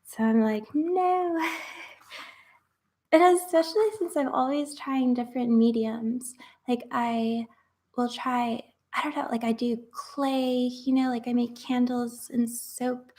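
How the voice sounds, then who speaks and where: A woman's voice: on the high side, fairly even intonation, measured pace, mellow. A young woman chatting casually while making crafts, rambling with lots of fillers and sometimes dropping to a whisper.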